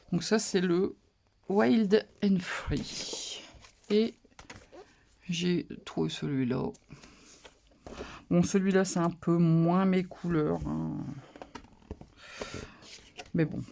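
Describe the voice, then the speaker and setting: A papercraft channel host chatting casually through a haul of paper pads, relaxed and hesitant. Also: mid-range voice, slow pace, gravelly, pauses often, slight background noise. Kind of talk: casual haul show-and-tell.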